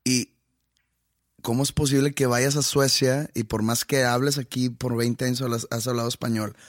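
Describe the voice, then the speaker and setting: A man's voice: mid-range voice, level tone, moderate pace, no room sound, studio quality. Teasing man, crude slang. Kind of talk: casual chat.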